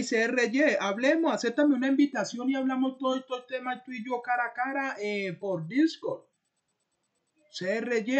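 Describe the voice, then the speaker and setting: A man, reacting defensively on his own stream, repeating the other streamer's name and flaring up loudly at times. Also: sits high. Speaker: streamer reacting to a video about himself. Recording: dull lo-fi stream audio.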